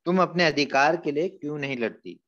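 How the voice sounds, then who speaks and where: A man voicing an angry male employer who shouts at his maid, loud and trembling with anger, on a dull lo-fi recording. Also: a little high, fairly quick, close to an everyday voice. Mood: sputtering angry.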